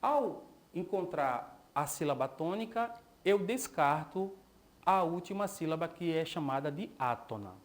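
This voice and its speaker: A Brazilian Portuguese man teaches a school lesson on television, with a slightly high voice that swings widely in pitch. He takes his time, spells things out step by step and stops to ask his students rhetorical questions. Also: lively intonation. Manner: slow, explanatory, asks rhetorical questions.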